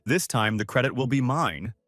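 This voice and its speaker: A man's voice: mid-range voice, animated, normal speed, a bit bright, no echo, studio quality, close to an everyday voice. A man reading the lines of a smug, boastful male villain in a comic recap, with a sneering, self-satisfied laugh. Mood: gloating.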